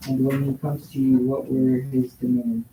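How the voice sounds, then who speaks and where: A man reading a stern judge's part aloud in a classroom, in a flat, halting read-aloud manner. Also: medium pitch, natural voice. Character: stern male judge pressing for a confession. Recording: echoey noisy classroom.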